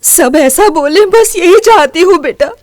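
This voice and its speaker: A caring mom pleading, highish voice, dry close sound. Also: female voice, sing-song, moderate pace, dry recording. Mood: tender. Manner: pleading, tender. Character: devoted mother, gentle but standing up to husband. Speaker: mother. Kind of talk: Hindi film dub acting.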